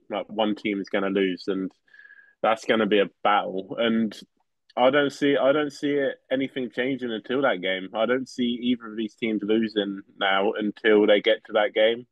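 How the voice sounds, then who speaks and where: A young man with a low, flat voice talks through games as a podcast co-host, full of "like" and "sort of". The audio is dry and a bit dull, as if slightly muffled. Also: normal speed, dry recording. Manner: rambling, many fillers like "like" and "sort of". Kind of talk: casual sports chat.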